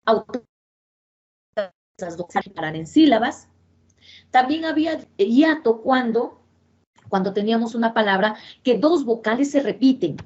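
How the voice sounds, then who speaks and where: A woman teacher walks a class through rules at an unhurried pace. She repeats herself and checks in with her students as she goes. The recording sounds dull and lo-fi. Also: on the high side, animated, darkish tone. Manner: slow, repetitive explaining with checking questions. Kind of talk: classroom grammar lesson.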